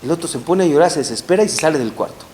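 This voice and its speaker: A male rabbi delivers a sermon to a live audience with a lively, swinging delivery that climbs high when he stresses a point. He keeps asking rhetorical questions and answers them himself. The room sounds echoey, with a faint hiss underneath. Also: very fast. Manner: animated, rising emphatic storytelling with rhetorical questions. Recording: roomy hall with faint hiss.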